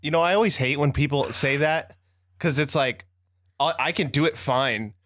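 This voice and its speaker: A man's voice: on the high side, normal speed, fairly bright tone, no room sound. Easygoing man explaining, dry close sound. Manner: easygoing, explains at length, reads search results aloud. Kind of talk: casual chat.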